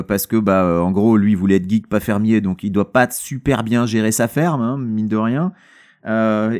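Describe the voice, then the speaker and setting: A man's voice: lowish voice, darkish tone. Man chatting loosely about a book. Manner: joking, rambling with fillers. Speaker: podcast co-host. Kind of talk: casual book discussion.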